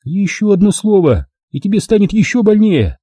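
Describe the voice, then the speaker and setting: A man putting on a shrill scolding woman. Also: very animated, normal speed, mellow, husky, dry recording, studio quality, heavily acted. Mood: threatening. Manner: shrill, mocking, bossy. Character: sharp-tongued scolding woman, wife-like. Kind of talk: audiobook character voice.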